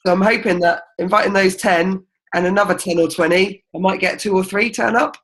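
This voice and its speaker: A woman's voice: mid-range voice, steady tone, fairly quick, fairly bright tone, low-quality recording. Woman, team leader, casual meeting chat, encouraging, lots of ums. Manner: chatty and encouraging, with many ums. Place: indoor group meeting.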